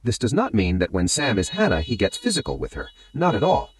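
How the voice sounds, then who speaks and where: A man's voice: lowish voice, a little fast, no echo. A man narrating a movie recap as a story, often calling his listeners friends. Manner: addresses listeners as friends, lively rising and falling delivery.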